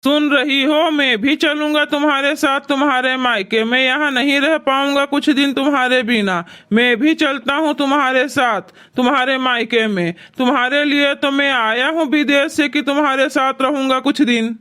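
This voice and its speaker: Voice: high-pitched, fairly even intonation, moderate pace, few pauses, sharp tone. A voice actor playing a devoted young husband in a cartoon, earnest and soothing. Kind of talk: cartoon voice acting.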